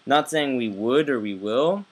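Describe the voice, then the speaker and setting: Man, live-stream host, casual chat, many restarts, mid pitch. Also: lively intonation, measured pace. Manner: rambling, many fillers and restarts.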